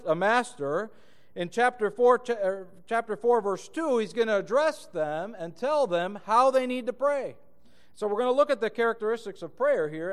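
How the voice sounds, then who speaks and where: A man from Argentina preaching a sermon as a pastor, earnest and emphatic, slowing down to read scripture aloud. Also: sits high, big-room sound.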